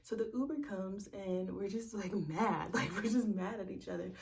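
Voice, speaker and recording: A woman's voice: medium pitch, normal speed, vocal fry, darkish tone. A young woman vlogger telling a personal story in casual chat, candid and profane, acting out exasperated quotes of herself and others.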